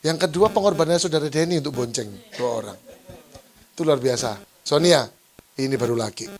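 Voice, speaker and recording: A male pastor with a fairly high voice and a Surabaya accent, Javanese-flavored Indonesian, preaches a little fast at a church service. His sermon is playful and full of jokes, and he teases the congregation and laughs often.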